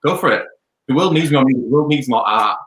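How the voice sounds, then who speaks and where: A man's voice: mid-range voice, fast, fairly bright tone. A young man, chatting upbeat and rambling as a DJ guest on a video call. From Leeds, England. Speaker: DJ and music producer guest. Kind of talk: casual interview chat. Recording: echoey room over video call.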